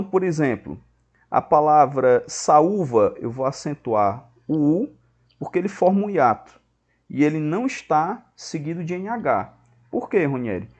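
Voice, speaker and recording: A man's voice: mid-range voice, darkish tone. A man, teaching a grammar lesson step by step and checking in with his students often. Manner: explains step by step, checks in with "beleza?".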